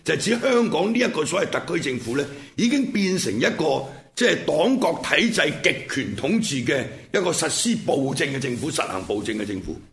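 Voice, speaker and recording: Hosting an unscripted political commentary show, a man with a Hong Kong Cantonese accent talks in blunt, colloquial language and punctuates his points with rhetorical check-in questions. His voice is a little high and fairly bright, with a sing-song lilt, a fairly quick pace and hardly any pauses.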